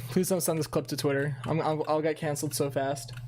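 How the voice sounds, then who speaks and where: A man's voice: on the high side, little pitch movement, a little fast, darkish tone, a little hiss or hum. A young man streaming a game, talking in a rambling, profane and self-mocking way to his viewers. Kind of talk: casual livestream gaming chat.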